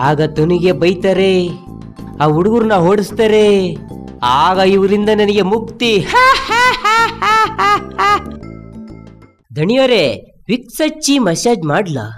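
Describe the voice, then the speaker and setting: A scheming comic servant grumbles and flatters in a whiny, wheedling voice. His pitch bounces lively up and down, with faint film music underneath.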